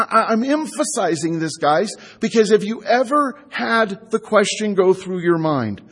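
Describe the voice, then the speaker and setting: A man preaching a sermon in a conversational style, asking his listeners rhetorical questions and slowing down to stress key words. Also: high voice, slightly rough, in a large hall. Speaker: pastor.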